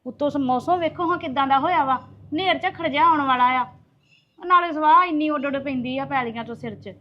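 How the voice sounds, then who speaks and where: An actress playing a reluctant young wife who makes excuses. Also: female voice, high voice, brisk, muffled recording, lightly acted.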